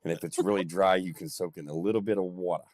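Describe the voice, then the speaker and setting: Deep-voiced male gaming buddy, animated delivery, dry close sound. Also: quick pace, dry recording. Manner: joking, swearing, animated asides. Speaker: co-player on voice chat. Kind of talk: casual chat while gaming.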